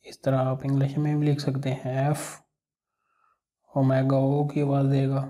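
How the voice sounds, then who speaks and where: A man's voice: medium pitch, completely flat delivery, unhurried, dark tone, slight background noise. A man with a Pakistani Urdu accent teaching an alphabet lesson step by step, patiently repeating each sound. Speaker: language teacher.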